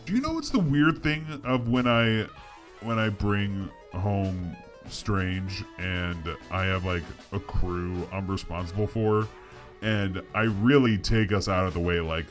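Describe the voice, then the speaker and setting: Guy doing a drunk sleazy space captain alien, kinda low, rambling and bragging, improv comedy. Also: a little slow, soft background music. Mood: rambling confession. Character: boastful, drunken male alien starship captain, sleazy about hookups. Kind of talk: improvised comedy role-play.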